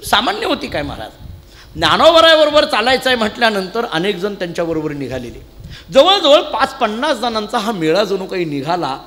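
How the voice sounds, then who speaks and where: A man with a very high voice tells a saint's story to a congregation, lively and direct. His voice carries through a large hall with a long reverb. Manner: animated storytelling, addressing the audience directly. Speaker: spiritual discourse speaker. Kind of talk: devotional storytelling discourse.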